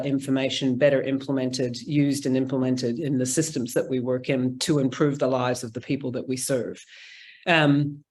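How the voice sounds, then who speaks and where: Chatty New conference speaker. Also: medium pitch. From New Zealand. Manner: chatty, informal, frequent ums. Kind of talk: presenting a talk over video call. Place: indoor room, remote. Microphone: video call.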